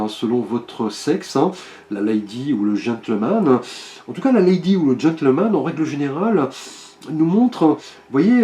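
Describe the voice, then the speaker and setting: A man giving a weekly zodiac oracle card reading, speaking to viewers directly in a hesitant, gently reassuring way, with many filler sounds. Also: a little high, reverberant. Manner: hesitant, full of filler sounds and tag questions.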